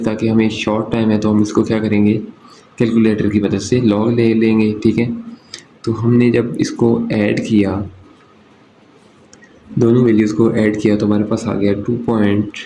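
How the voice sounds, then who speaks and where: A man's voice: fairly low pitch, warm tone. A man from Pakistan, teaching a maths lesson step by step, asking and answering his own questions. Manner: asks and answers his own questions, often checks "okay". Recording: roomy echo with faint background noise.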